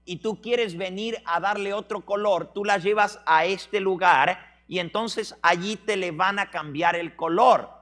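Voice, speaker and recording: A man's voice: high-pitched, measured pace, few pauses, fairly bright tone, voice pushed up. A man quoting an amused female tour guide who explains patiently, as if to a child. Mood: explaining.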